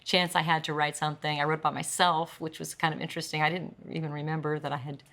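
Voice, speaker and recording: A singer-songwriter woman chatting casually at a roundtable, telling animated stories and breaking into sung snippets and laughter. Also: low voice, fast talker. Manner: animated storyteller, sings snippets and laughs often.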